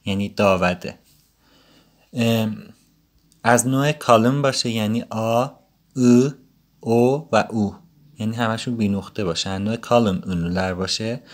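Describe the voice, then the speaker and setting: A man giving a casual, patient language lesson, explaining grammar rules step by step. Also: fairly low pitch. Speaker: Turkish language teacher.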